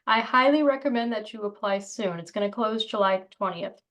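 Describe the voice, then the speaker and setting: A woman's voice: medium pitch, a little fast, fairly bright tone. A woman, a regional chair, making an upbeat, encouraging announcement.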